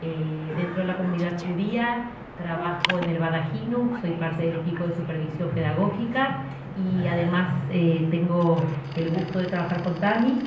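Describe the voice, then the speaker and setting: A woman from Paraguay speaks on a panel, hesitant and self-deprecating, with many filler sounds. Her voice is a little low. She is heard from far off in a very echoey hall, with a dull sound and audible background noise. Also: moderate pace. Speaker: panelist, educator. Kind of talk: panel talk. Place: community center hall.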